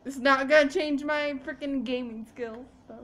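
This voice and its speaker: A woman's voice: high voice, fairly even intonation, normal speed. A young woman playing a game for the first time and chatting casually, flustered and confused, with mild swearing and defensive retorts. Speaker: gaming channel co-host playing the game. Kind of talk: casual gaming chat.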